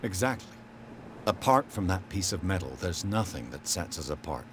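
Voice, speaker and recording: An actor playing a composed, inquisitive private detective in a video game, with measured, formal speech. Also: male voice, low-pitched, very animated, background noise. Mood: probing, composed.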